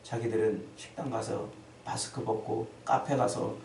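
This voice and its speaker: A middle-aged man preaching a lively Sunday sermon, often acting out the voices of the people he quotes. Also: on the low side, moderate pace, gravelly, slight background noise. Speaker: pastor. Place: church sanctuary. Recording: echoey church hall, distant mic.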